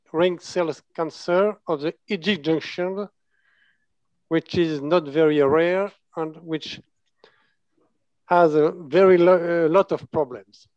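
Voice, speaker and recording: Brief: man with a French accent, fairly high voice, halting conference talk, dull call audio. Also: no echo. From France. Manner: halting, self-correcting, searching for words. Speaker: surgeon presenting a case. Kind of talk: conference presentation. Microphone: video call.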